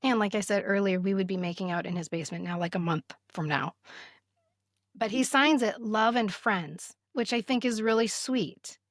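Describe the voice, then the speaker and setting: Hosting a podcast, a woman in her fifties tells stories candidly in a chatty, casual way and sometimes reads aloud. Her voice is mid-range at a normal speed, and the studio sound is clean with no echo.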